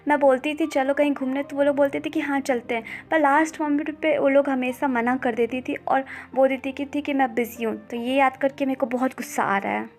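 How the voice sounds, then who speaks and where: A woman voicing a chatty, eager teenage schoolgirl. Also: high voice.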